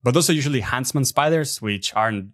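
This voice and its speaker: A man, a podcast guest telling stories in a relaxed, chatty way over a remote call. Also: medium pitch, fairly quick. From Argentina. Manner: relaxed, chatty storyteller with frequent fillers. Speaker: podcast guest, app developer. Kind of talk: casual interview chat. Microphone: remote video call.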